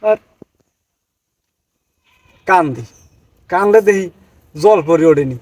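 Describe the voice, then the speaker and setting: A man's voice: high voice, expressive, takes it slowly, a little mellow, no room sound, full character voice. A man playing a flustered village woodcutter. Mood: lamenting. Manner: flustered, stammering. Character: poor village woodcutter, simple and panicky. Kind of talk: comic folk-tale acting.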